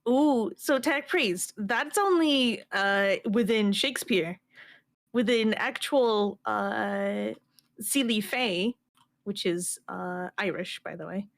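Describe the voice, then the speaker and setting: A woman's voice: medium pitch, takes it slowly, vocal fry. A woman with a Scottish accent chatting casually on a stream, explaining things at length and laughing easily. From Scotland. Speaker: streaming guest. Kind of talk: casual chat.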